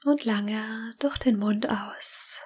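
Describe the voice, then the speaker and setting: A woman whispering a slow, calm guided meditation. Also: fairly high pitch, slightly rough.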